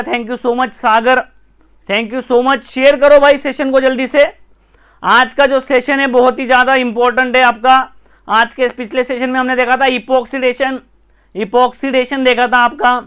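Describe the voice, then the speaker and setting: A man with an Indian accent runs a live online chemistry lesson, his voice sitting very high and coming through smooth and clear. He talks briskly, repeats key terms again and again, and keeps nudging viewers to comment and share. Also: fairly bright tone. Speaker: chemistry teacher.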